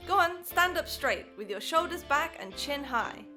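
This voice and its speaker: A woman's voice: high-pitched, expressive, slow pace, over music. A woman narrating a language course in an upbeat, encouraging scripted style.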